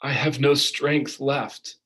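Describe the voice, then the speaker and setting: A man's voice: mid-range voice, steady tone, takes it slowly, fairly bright tone, voice pushed up. A man voicing an exhausted, starving beggar who speaks hesitantly and apologetically. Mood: pleading.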